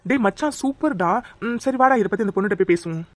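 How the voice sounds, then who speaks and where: A woman's voice: mid-range voice, animated, fast, no room sound, natural voice. A woman voicing a friendly, joking young man shopping with his friend in a cartoon. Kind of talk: cartoon dialogue.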